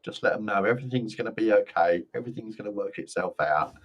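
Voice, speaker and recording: A man doing live psychic card readings in a gentle, reassuring and jokey way. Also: on the low side, quick pace, muffled recording. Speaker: psychic reader.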